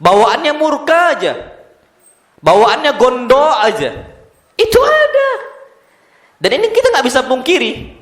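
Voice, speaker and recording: Male preacher, high voice, animated mosque sermon full of rhetorical questions, echoey hall. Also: moderate pace. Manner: lively preaching with rhetorical questions to the women present. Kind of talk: lecture in a mosque.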